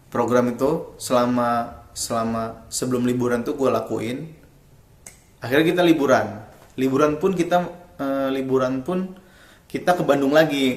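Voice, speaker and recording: Young adult man, casual rambling vlog storyteller, mid pitch, roomy echoey sound. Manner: chatty, rambling, slangy Jakarta-style speech. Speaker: vlogger.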